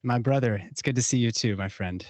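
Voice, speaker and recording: A man's voice: medium pitch, a little fast, a little mellow, no room sound. Male podcast guest, 30s, earnest and playful, dry close sound. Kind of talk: casual chat.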